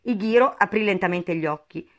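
A woman narrating a storybook with an expressive reading. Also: medium pitch, a little fast, dull audio.

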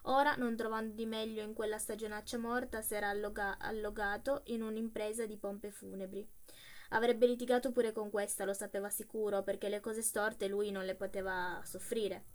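A woman reading a literary story aloud, expressive and measured. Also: medium pitch. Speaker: reader.

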